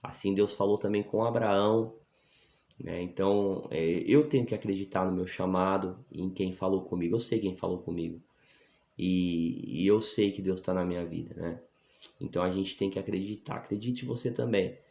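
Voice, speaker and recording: A man with a very low voice gives his conversion testimony as a pastor, speaking earnestly and with emphasis. He keeps checking in with his listeners with a quick "né?". His voice rings in an echoey room. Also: steady tone, creaky, warm tone. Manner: earnest, emphatic, often adds "né?" for assent.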